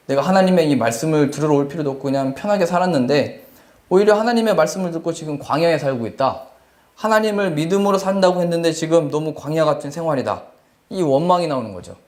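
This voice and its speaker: Male pastor preaching, fairly high pitch, earnest, acts out quotes. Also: darkish tone. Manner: earnest, quotes scripture and people in acted asides. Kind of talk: sermon.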